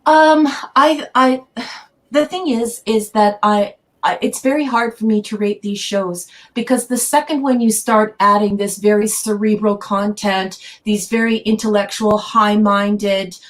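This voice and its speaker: An effusive woman chatting on a podcast panel, playful and full of restarts. Her voice sits in an ordinary middle pitch. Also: fairly even intonation, unhurried. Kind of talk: casual chat.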